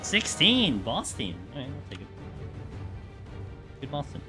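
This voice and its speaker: Young man streaming on a headset mic, loud game music behind. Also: mid-range voice, measured pace. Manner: relaxed, rambling, lots of fillers and restarts. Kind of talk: casual live commentary while playing.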